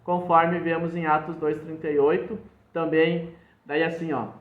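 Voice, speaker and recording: High-voiced pastor preaching. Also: male voice, level tone, measured pace, roomy sound, narrow, tinny audio. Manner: emphatic preaching, quoting scripture verses. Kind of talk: sermon.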